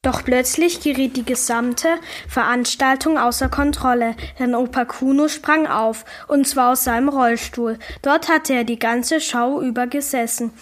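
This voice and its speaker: A woman narrating a humorous story aloud and reading out quiz questions deliberately. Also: high-pitched, steady tone.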